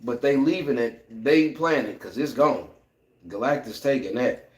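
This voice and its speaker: A man co-hosting a podcast in casual chat, animated and slangy, acting out lines as he talks. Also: mid-range voice, normal speed. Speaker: podcast co-host. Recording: echoey room.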